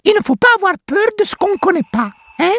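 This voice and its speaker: A woman's voice: very high voice, big pitch swings, quick pace, a bit bright, exaggerated voice. A woman voicing a small, cheerful female frog who teases and coaxes, tagging questions onto her lines. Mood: soothing. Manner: teasing, ends lines with a questioning "hein". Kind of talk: storybook acting over music.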